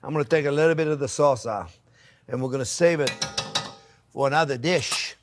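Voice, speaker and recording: A man's voice: medium pitch, brisk, background noise. A man hosting a cooking demonstration, talking casually and playfully to viewers as friends, with exuberant, repeated catchphrases. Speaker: chef hosting a cooking channel.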